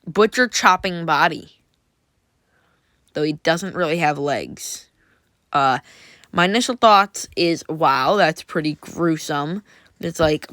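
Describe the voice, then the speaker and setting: A woman's voice: lowish voice, a bit bright, no echo, clean studio sound. A woman casually reviewing Halloween props, chatty and enthusiastic with lots of fillers. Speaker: prop reviewer.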